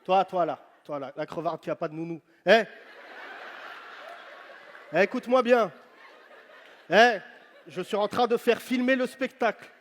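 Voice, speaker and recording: A stand-up comedian with a strikingly high voice works the crowd, teasing people loudly. He talks into a handheld mic on a big stage. The live show carries a long reverb from the hall. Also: unhurried, long pauses, a little hiss or hum. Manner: teasing, loud banter with the audience. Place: large venue on stage.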